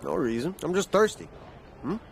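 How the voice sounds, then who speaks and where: A man's voice: fairly high pitch, sing-song, moderate pace. An actor dubbing a middle-aged single father who dodges his daughter's questions, in an English dub of a TV drama. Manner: gruff and evasive, brushing off questions. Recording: faint background noise.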